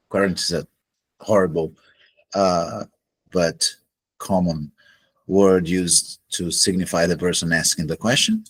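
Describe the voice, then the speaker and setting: This is a very slow, deliberate solo lecture from a male astrology teacher with a husky, low voice, a native Portuguese speaker. He's measured, pausing between phrases, and the home recording is low quality.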